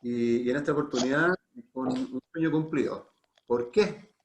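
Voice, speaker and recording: Hosting an online talk series live, a Chilean man keeps things casual and chatty, with a habit of repeating short phrases. He speaks in a mid-range voice at a moderate pace, with slight background noise.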